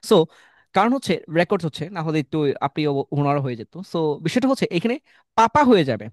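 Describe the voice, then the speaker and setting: A man's voice: a little high, very animated, brisk, no room sound, studio quality. A man teaching an online class, coaching students through tongue twisters and calling on them by name. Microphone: computer mic on a video call.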